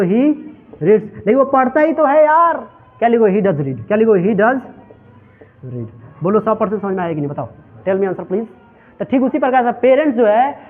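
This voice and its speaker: An English teacher with a high voice leads a classroom translation lesson, captured with tinny sound. He drills his students with repeated questions, mixing Hindi and English.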